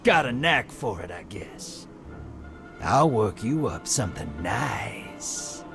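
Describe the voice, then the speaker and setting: Swaggering, sing-song rogue gambler, the Drifter. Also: male voice, on the low side, big pitch swings, slow, gravelly, heavily acted. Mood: sly, playful. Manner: drawling, theatrical, wheedling. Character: sly, folksy rogue gambler and scavenger, male. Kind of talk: video game character acting. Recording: faint music behind the voice.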